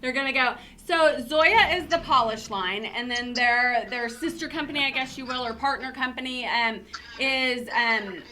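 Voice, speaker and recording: Give this a bubbly woman host with a high-leaning, very bright voice. She talks in a chatty, excitable way and laughs often. The tone is a casual chat about beauty products. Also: moderate pace, slight background noise. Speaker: host and salon owner.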